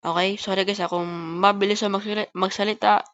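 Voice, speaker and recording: A woman who talks fast, giving casual gameplay commentary and chatting to her viewers as host of a gaming channel. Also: mid-range voice, little pitch movement, fairly bright tone, highs cut off. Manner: fast-talking.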